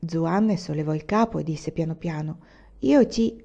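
A woman reading a novel aloud in a measured, expressive way. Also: sits low, gravelly, husky, muffled recording. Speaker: audiobook reader. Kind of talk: scripted narration of a novel.

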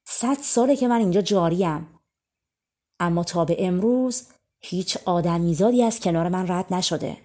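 An ancient talking river from a storybook booms out its words, with a woman voicing it. Its tone is proud and grand, and its voice sits fairly low. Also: natural voice. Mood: booming. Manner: loud, booming.

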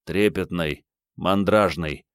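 A man's voice: sits low, slow, clean tone, no echo, studio quality. A man voicing a sheepish, flustered older department boss in an audiobook, meek and pleading. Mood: affectionate.

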